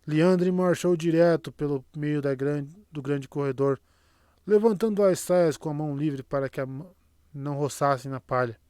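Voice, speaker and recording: A man narrating a fantasy audiobook in a steady, even storytelling manner. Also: fairly high pitch, moderate pace, clear, resonant tone, no room sound, clean studio sound. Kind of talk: scripted narration.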